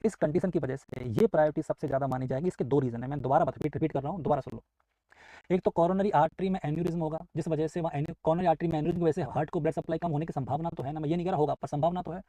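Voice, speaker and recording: A man's voice: fairly high pitch, racing, warm tone, no room sound, rough recording. A man teaching a live online nursing exam class, explaining step by step and acting out students' questions and his own answers. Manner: explains step by step, mixes English into Hindi.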